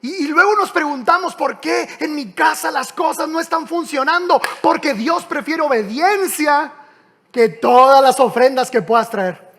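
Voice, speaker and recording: Animated pastor preaching. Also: male voice, very high voice. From Mexico. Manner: lively storytelling, frequent restarts. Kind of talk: sermon.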